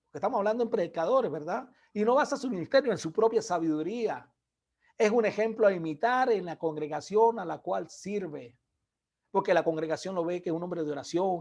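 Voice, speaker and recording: A man preaching a sermon, earnestly exhorting his listeners and calling them brothers, dropping to a soft low voice on asides.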